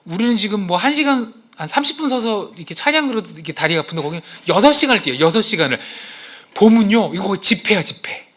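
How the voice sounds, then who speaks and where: A man's voice: high voice, fast. A male pastor preaching a sermon to his congregation in a church, acting out quotes and asking the listeners questions. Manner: animated, acts out quotes and exclamations. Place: church sanctuary.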